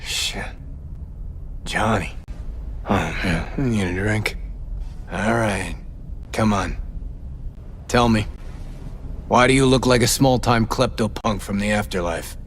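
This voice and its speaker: A man playing a jaded, foul-mouthed aging rock musician in a video game, gruff and theatrical. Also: fairly low pitch, slow pace, long pauses, a little hiss or hum. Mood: exasperated.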